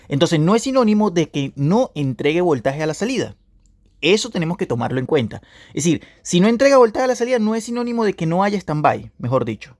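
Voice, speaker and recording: A man's voice: a little high, no echo, studio quality. A man teaching a video class on repairing electronics, repeating points and checking with his students as he goes. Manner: repetitive, asks "¿ya?" to check understanding.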